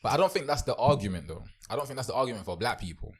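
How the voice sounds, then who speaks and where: A man hosting a podcast, asking quick questions and cutting in during casual chat. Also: mid-range voice, animated, slightly rough. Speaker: podcast host.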